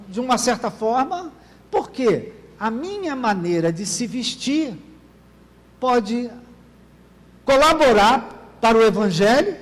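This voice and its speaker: A man preaching a sermon as pastor, often asking the congregation for an amen. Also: very high voice. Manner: asks the congregation "Amém, querido?" often. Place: church. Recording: long church reverb.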